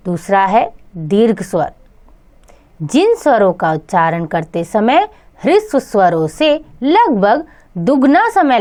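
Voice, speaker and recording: A woman narrating a children's grammar lesson in a scripted, careful way, speaking directly to the kids. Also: medium pitch. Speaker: teacher.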